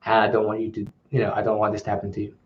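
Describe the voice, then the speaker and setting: A man's voice: on the low side, completely flat delivery, racing. A man hosting a live question-and-answer stream, answering in a hesitant way with many ums and restarts. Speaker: channel host. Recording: dull lo-fi livestream audio.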